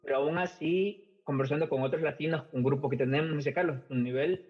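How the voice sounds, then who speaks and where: A man's voice: on the high side, fairly even intonation, quick pace, husky. Ecuadorian man, hesitant podcast chat. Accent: Ecuadorian Spanish. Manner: hesitant, fillers and repeated words. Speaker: podcast guest. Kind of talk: casual conversational storytelling. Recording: muffled lo-fi podcast audio, faint music.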